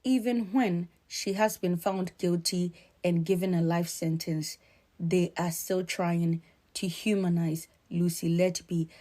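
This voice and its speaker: A woman from Ghana with a Ghanaian accent, giving earnest, emphatic spoken commentary in a measured way. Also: on the low side, steady tone, mellow.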